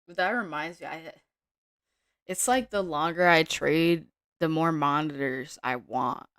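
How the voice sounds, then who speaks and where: A woman day trader giving casual live-stream commentary from her home desk, thinking aloud in a relaxed way with small restarts. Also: sits low, measured pace, no echo, clean studio sound.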